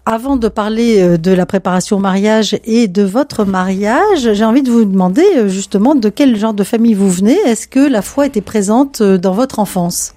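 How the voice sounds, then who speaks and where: A woman hosting a radio interview in a studio, asking questions in a gentle, measured way. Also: mid-range voice, no echo. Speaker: radio show host.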